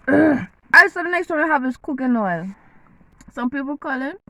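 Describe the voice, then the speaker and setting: Jamaican woman vlogger, high and bright, teasing casual delivery. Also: animated, a little slow, poor audio. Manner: playful, teasing, eating while talking. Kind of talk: casual chat to camera.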